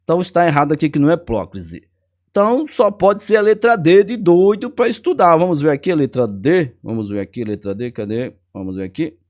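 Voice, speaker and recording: A man's voice: fairly high pitch, a little mellow. Jokey Brazilian male exam tutor. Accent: Brazilian Portuguese. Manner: chatty, jokey, repeats key words. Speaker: exam prep teacher. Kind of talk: casual video lesson.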